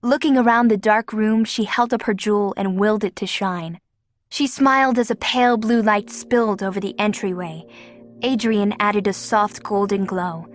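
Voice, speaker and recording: A woman's voice: medium pitch, moderate pace, dry recording, faint music behind. Woman narrating a children's audiobook. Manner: lively, voices each character. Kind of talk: scripted narration.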